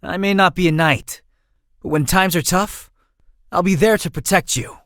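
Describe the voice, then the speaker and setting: In video game character acting, a young man plays a gentle, sentimental exiled prince, delivering his lines in a heartfelt, boyish, self-conscious way. His voice sits high and moves at a moderate pace, with no room sound.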